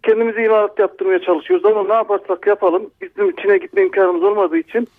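A shopkeeper calling a radio show over a landline phone, speaking in slow, halting phrases. His voice sits high for a man, and the line sounds thin and dry, like a phone. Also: fairly even intonation, dry recording, narrow, tinny audio. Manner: halting, slow, many pauses.

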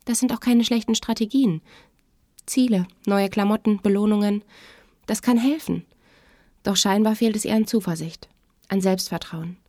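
A woman's voice: mid-range voice, moderate pace, long pauses, dark tone, no echo, studio quality. A woman therapist hosting her podcast, reading a story and commenting in a conversational, self-ironic way. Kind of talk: podcast narration.

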